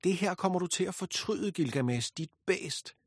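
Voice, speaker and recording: A man voicing a furious, vengeful goddess who speaks in a shrill, commanding, scornful way. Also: lively intonation, no room sound, studio quality, lightly acted. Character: furious vengeful goddess, woman, proud and spiteful.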